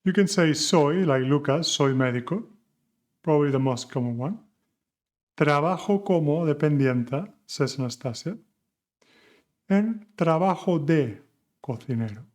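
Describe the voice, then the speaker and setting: A man's voice: on the high side, animated, unhurried, pauses often. A man teaching a beginner language lesson, patiently asking questions and answering them himself. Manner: patient, asks questions and answers them, mixes English and Spanish. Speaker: Spanish teacher.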